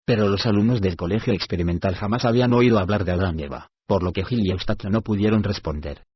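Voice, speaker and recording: Male narrator, deep and husky, steady storybook reading, dull lo-fi dry recording. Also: quick pace, no room sound. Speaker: audiobook narrator.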